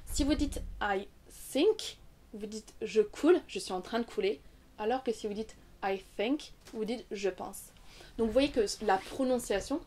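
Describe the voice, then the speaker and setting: Young french woman explaining english sounds, clear and patient, slows down on example words. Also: medium pitch, darkish tone. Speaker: English teacher. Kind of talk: online language lesson.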